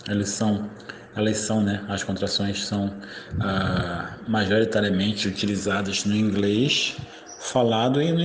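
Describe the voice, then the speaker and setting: This recorded English grammar lesson features a man with a lowish voice who walks through each point step by step, often tacking on checking tags. Slight background noise and faint ambience come through in the echoey room.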